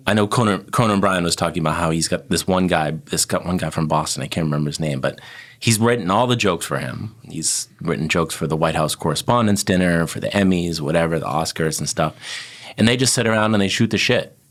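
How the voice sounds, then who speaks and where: Male interview host, inquisitive and conversational, very low voice. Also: brisk, a bit bright. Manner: curious, chatty questioner. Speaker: podcast host. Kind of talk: casual interview chat.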